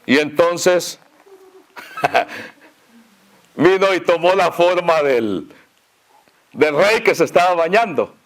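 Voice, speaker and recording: Telling a sermon story in a northern Mexican accent, this pastor sounds folksy, chuckles, and leans on many fillers. His slightly high, expressive male voice moves slowly and pauses often.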